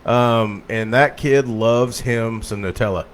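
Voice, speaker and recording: A middle-aged man, co-hosting a relaxed podcast. He rambles in an easygoing way and jokes about himself. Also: mid-range voice, slow. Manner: laid-back, joking, calls himself a redneck. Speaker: podcast co-host. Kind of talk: casual chat.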